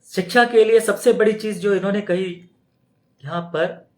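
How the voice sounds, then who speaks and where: A man with a fairly high voice gives a loose, conversational spiritual talk. He keeps posing rhetorical questions and slips into mimicking other people's objections. The recording sounds roomy and echoey. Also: normal speed, darkish tone. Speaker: spiritual teacher. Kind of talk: extempore spoken talk. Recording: roomy echo.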